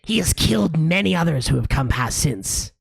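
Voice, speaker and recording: A man's voice: on the high side, sing-song, normal speed, creaky, husky, dry recording, voice pushed up, full character voice. A man voicing a giggly, taunting stone gargoyle in a tabletop game. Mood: ominous warning.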